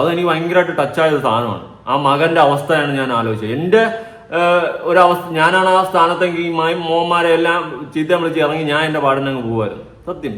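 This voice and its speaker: Casting: man vlogger, fairly high voice, mocking and theatrical, echoey room. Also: a bit bright. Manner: teasing, sarcastic, theatrical. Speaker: vlogger reacting to clips. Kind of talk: mocking reaction commentary.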